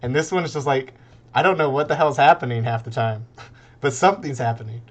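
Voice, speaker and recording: A relaxed man casting a live strategy game match. He rambles loosely, drops in plenty of "like"s and chuckles between thoughts. His voice sits in an everyday middle register. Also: medium pitch, a little fast. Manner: laid-back and rambling, laughs often, many fillers. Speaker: esports caster. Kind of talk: casual live game commentary.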